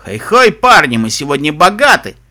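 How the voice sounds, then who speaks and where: A man reading an audiobook, voicing a sly, boastful male zebra sea captain who jokes gruffly. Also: high voice, sing-song, normal speed, bright, forceful tone, exaggerated voice. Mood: cheerful. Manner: boastful, joking.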